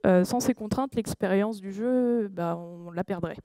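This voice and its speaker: A woman's voice: mid-range voice, measured pace, dark tone, no echo. A woman giving a talk at a conference, hesitant, with many fillers and self-corrections, checking in with her audience. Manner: engages the audience with questions. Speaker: conference speaker. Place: conference room.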